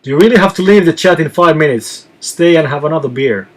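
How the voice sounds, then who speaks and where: A man from Finland who reads out viewer questions and answers them in a relaxed live chat as a touring musician. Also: on the high side, fast.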